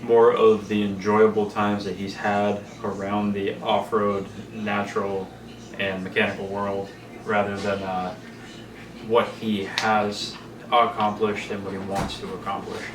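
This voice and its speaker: A man hosting a casual interview, speaking in a halting, informal way. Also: fairly low pitch, flat delivery, a crowd in the background. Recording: echoey room, distant mic, noisy background.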